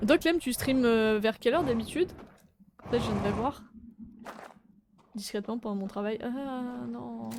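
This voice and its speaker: A woman's voice: a little high, creaky. Chatty French woman streamer, faint hiss. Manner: chatty, swears, sudden loud exclamations. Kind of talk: casual live game commentary.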